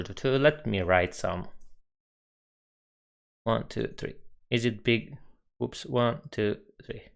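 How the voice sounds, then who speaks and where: A young man with a Romanian accent talks through his code on a live stream, slowly and in an easygoing way. His voice sits fairly low, and he muses aloud while he works at his desk mic. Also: creaky. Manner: unhurried, musing, reads chat aloud. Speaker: coding streamer.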